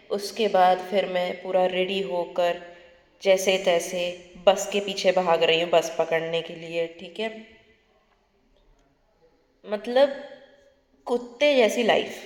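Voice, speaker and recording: A young woman from India telling her story in a casual, chatty vlog, lively and often laughing. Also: on the low side. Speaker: student vlogger. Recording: echoey room with long reverb.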